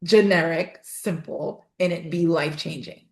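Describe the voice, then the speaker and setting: A woman guest on a podcast talking about voice and storytelling, emphatic and animated, with laughing asides. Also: fairly low pitch, unhurried. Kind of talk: casual interview chat. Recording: roomy echo.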